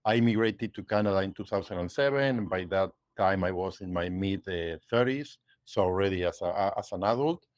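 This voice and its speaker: Man, 50s, measured explaining, frequent fillers, deep-ish voice. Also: no echo. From Argentina. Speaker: guest, realtor and investor. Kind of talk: casual interview.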